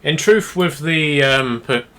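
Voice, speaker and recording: A man narrating a tabletop game as game master, in a halting, rambling, improvised way. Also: fairly high pitch, sharp tone, clear, resonant tone.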